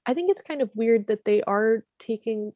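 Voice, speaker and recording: A woman's voice: a little high, lively intonation, moderate pace, no echo, phone-quality sound. Young woman, dry close sound. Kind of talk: casual chat.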